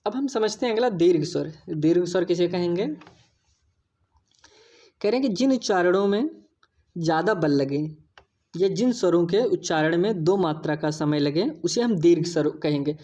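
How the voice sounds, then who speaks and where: A woman's voice: on the low side, expressive, normal speed, dark tone. A woman teaching an exam-prep lesson, explaining patiently, repeating key points and addressing viewers as friends.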